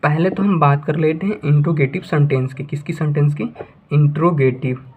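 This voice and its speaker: A man's voice: a little high, fairly even intonation, husky. Tinny-sounding man teaching English grammar. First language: Hindi. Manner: repetitive, asks and answers his own questions; slows down to dictate English sentences. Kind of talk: classroom-style lesson for beginners. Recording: tinny phone-like audio.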